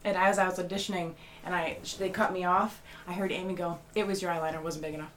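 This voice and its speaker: Woman, 20s, low-ish voice, rambling casual talker, slight background noise. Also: steady tone, fast. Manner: rambling, many fillers and restarts. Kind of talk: casual chat.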